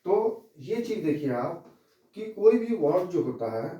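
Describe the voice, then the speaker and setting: Male teacher, slow and repetitive, mellow voice, recorded far from the mic in a boomy classroom. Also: big pitch swings. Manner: slow, repetitive explaining, pointing at a board. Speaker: English teacher. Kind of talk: classroom lesson. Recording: very echoey room, mic far off.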